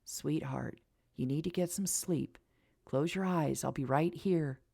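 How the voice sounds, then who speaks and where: A woman voicing a calm, protective young man who speaks gently and steadily in a storybook reading. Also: deep voice, a little slow, vocal fry, slightly rough, full character voice. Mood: tender.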